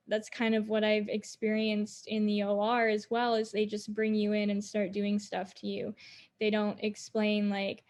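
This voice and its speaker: A woman's voice: medium pitch, darkish tone. A woman, a patient partner, sharing her own hospital experiences in an interview, with many "like" fillers. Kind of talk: personal account in interview.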